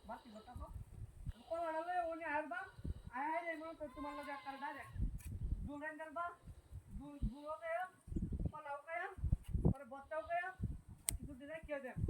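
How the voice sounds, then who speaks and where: A man's voice: extremely high pitch, background noise. A man with a Sylheti Bengali accent, performing a comic skit as a bossy phone call. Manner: loud, bossy, talking on the phone.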